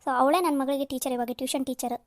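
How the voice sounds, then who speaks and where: Woman voicing a chatty high-voiced daughter. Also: steady tone, quick pace, dry recording, studio quality, close to an everyday voice. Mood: explaining. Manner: chatty, insistent. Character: lively young woman, the daughter.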